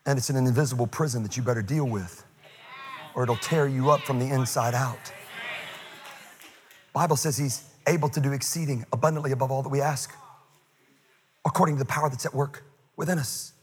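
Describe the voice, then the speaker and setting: A middle-aged man, a pastor, preaching a sermon with humor and lively asides. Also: mid-range voice, a little fast, long pauses, big-room sound.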